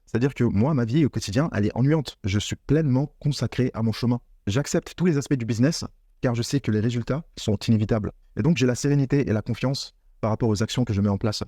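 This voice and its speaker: Clean studio sound with no echo carries this man's warm, mid-range voice at a quick pace. An online business coach, he speaks directly to the viewer in an earnest, repetitive motivational talk on business mindset.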